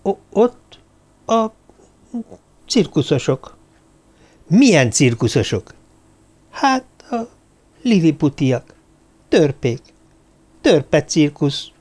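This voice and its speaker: A man's voice: on the high side, sing-song, pauses often, a little mellow, voice pushed up. A man reading aloud and voicing a frightened, tearful young woman who stammers timidly.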